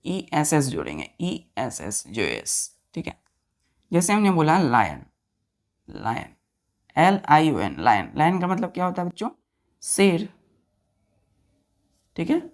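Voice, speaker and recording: A woman whose voice sits low moves slowly through a grammar lesson, pausing often, her pitch swinging hugely. She spells each word out letter by letter, repeats the answers, and keeps confirming that her students are with her.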